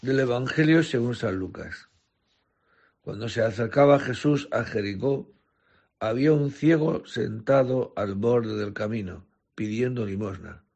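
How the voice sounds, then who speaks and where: Slow gravelly priest preaching. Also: male voice, mid-range voice, darkish tone. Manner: slow, earnest preaching with self-corrections. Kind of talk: gospel reading and homily.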